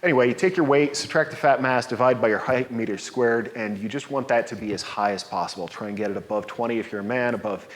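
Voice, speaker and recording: A man's voice: mid-range voice, fast, hardly any pauses. A man in his forties giving an upbeat slide talk at a podium, explaining and mixing in personal examples. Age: 40s. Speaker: presenter. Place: dark lecture hall, standing at a podium. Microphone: podium mic from a distance. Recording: reverberant hall, voice from afar.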